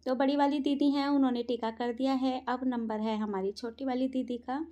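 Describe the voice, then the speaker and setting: A middle-aged woman with a slightly hoarse, sore throat, narrating her family vlog in a chatty, rambling way with many fillers. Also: high voice, steady tone, moderate pace, dark tone. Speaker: vlogger. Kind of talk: casual voice-over narration.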